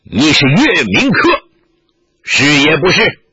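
A man voicing a fierce, menacing red-robed lama who shouts threats in a gruff, low voice, on a dull lo-fi recording. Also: huge pitch swings, slow pace, full character voice.

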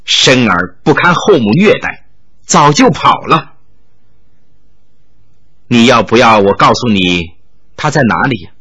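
Brief: icy, contemptuous middle-aged nun, clipped retorts, husky edge, read by a male storyteller. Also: mid-range voice, very animated, unhurried, pauses often, a bit bright, voice pushed down, exaggerated voice. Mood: scornful. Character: cold scornful middle-aged Buddhist nun, fierce fighter.

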